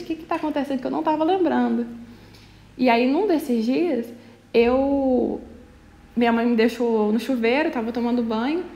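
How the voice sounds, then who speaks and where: A young adult woman from Brazil telling her personal testimony in an earnest storytelling manner, often slowing down, with frequent fillers. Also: a little high, darkish tone. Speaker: church member sharing testimony.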